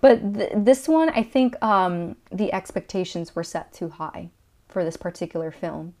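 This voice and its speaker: A woman's voice: lowish voice, measured pace, a little mellow. A woman co-hosting a casual movie review chat, chatty with frequent "like" fillers. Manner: chatty, lots of "like" fillers, laughs often. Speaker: podcast co-host.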